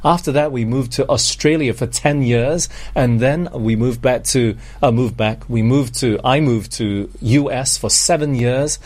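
A middle-aged man from Malaysia preaching a sermon, earnest, slowing down on scripture and asking the congregation rhetorical questions. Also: medium pitch, darkish tone. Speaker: pastor.

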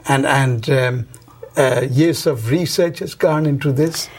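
A man with a mid-range voice hosts a radio program, first reading a scripted opening and then talking with his guests. His delivery is measured and formal, with the odd restart. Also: mid-range voice, a little mellow, breathy edge. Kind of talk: scripted narration and interview.

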